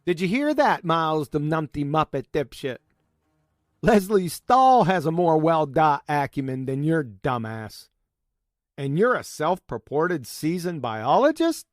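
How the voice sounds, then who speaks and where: A man's voice: a little high, very animated, a little slow, dry recording, clean studio sound. A man giving mocking commentary on clips in a smug, sarcastic manner. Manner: smug, sarcastic mockery with name-calling. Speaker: video commentator.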